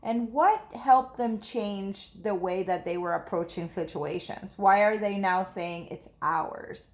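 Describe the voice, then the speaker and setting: Reading a children's story aloud, a woman with a mid-range voice sounds like a teacher: deliberate, expressive, and explaining things as she reads.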